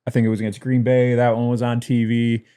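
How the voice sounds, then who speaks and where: Mellow-voiced man ranting casually. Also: medium pitch, monotone, quick pace, smooth. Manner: chatty, laughs while ranting. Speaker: podcast co-host. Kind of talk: casual wrestling podcast chat. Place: lives in Detroit.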